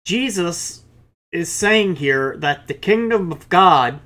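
A man's voice: high-pitched, lively intonation, slow pace, bright, forceful tone. A male pastor preaching a sermon, reading scripture aloud and explaining it with casual asides.

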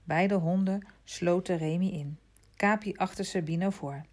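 A woman narrates a storybook in a calm, measured way, her voice sitting low for a woman. She lets her delivery sink to a near hush in the quiet passages. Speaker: audiobook narrator.

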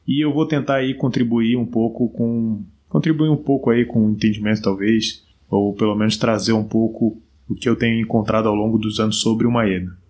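A Brazilian man hosts a solo podcast, talking through history in a loose, explanatory way. His voice sits at an ordinary middle pitch. It has a soft, breathy edge. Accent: Brazilian Portuguese. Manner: relaxed, explanatory, many fillers like "né" and "aí". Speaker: podcast host. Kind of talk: solo podcast talk on martial arts history.

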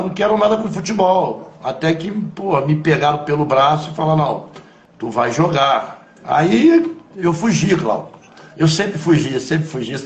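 A man with a Carioca accent, a former footballer, telling stories from his past in an interview, in an animated, slangy way full of asides. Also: on the high side. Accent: Carioca Brazilian Portuguese. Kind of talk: conversational storytelling interview. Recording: roomy echo.

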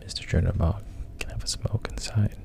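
Speaking in a gravelly, breathy voice, a man recounts a story offhandedly, his delivery hushed and hesitant and often fading into a whisper.

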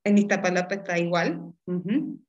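A woman's voice: on the low side, normal speed, highs cut off. Encouraging Mexican woman professor. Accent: Mexican Spanish. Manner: warm, encouraging, laughs often, asks "¿sí?". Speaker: chemistry professor. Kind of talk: interview answers.

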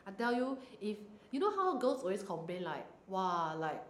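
A woman's voice: medium pitch, big pitch swings, fairly quick. A young Singaporean woman chatting casually in colloquial Singlish, blunt and exclamatory, dropping in particles and Mandarin words. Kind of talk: casual chat. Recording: roomy echo, light background noise.

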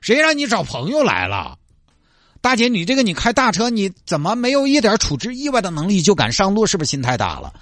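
A man playing an exasperated highway traffic cop who keeps scolding a stranded driver with incredulous questions in a comedy skit. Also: huge pitch swings, fast talker, fairly bright tone, no room sound, studio quality, heavily acted.

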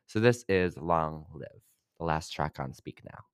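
A man's voice: rumbling low, lively intonation, measured pace, a little hiss or hum. A young man hosting a casual music review podcast, loose and chatty with lots of fillers. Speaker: podcast host.

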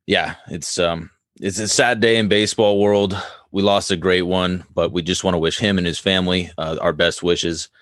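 Casting: very low-voiced male sports co-host, relaxed and halting, dry close sound. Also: no echo. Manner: easygoing, halting, with frequent fillers. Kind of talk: casual sports chat.

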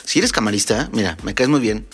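Animated Mexican man telling stories. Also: lowish voice, brisk, breathy edge, soft background music. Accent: Mexican Spanish. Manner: animated, swears freely, acts out the people in his stories. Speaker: DJ and podcast host. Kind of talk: casual comedic storytelling.

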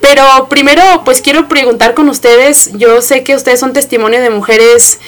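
A woman's voice: high voice, steady tone, moderate pace. A woman hosting a talk show, chatty and full of fillers. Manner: chatty, warm welcoming with filler words. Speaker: host. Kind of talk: casual chat.

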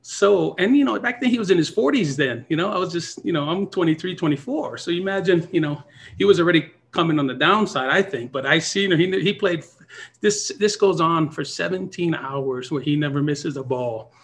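A man's voice: brisk, vocal fry. A man telling pool gambling stories in a casual chat, full of "you know" fillers and acted-out lines from other people. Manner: animated, acts out other people's lines in a high voice. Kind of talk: casual storytelling.

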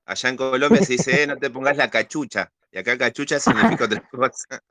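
A man's voice: medium pitch, steady tone, brisk, pushed and bright, dry recording. An Argentine man with an Argentine Spanish accent, chatting casually in a playful, joking way. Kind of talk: casual chat.

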